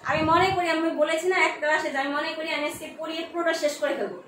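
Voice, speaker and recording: Middle-aged woman lecturer, high bright voice, motherly and chatty with her students, recorded from a distance in an echoey room. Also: fairly even intonation, racing, a little hiss or hum. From Bangladesh. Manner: frequent filler sounds. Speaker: geography lecturer. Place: room at home.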